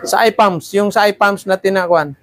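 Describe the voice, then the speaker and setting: A man's voice: high voice, normal speed, fairly bright tone, no echo. A man teaching a class of seafarer trainees, lecturing and often checking in with "ha?" and "di ba?". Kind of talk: classroom talk.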